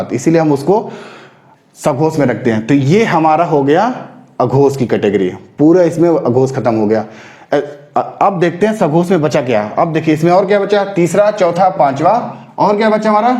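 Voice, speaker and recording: A man's voice: a little high, a little mellow, echoey room. A man teaching a Hindi grammar lesson for exam preparation, explaining step by step and answering his own rhetorical questions. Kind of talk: classroom-style lesson for exam prep.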